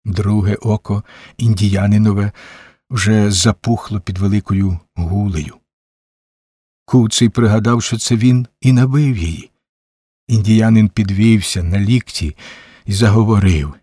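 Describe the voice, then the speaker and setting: Slow, husky male audiobook narrator. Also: lowish voice, dark tone, dry recording, studio quality. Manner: measured, unhurried storytelling. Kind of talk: scripted narration.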